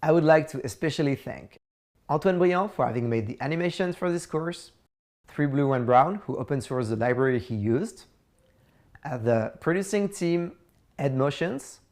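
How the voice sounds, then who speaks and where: A man with a French accent, a course instructor explaining a coding assignment in a halting way, with many fillers and restarts. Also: medium pitch, darkish tone.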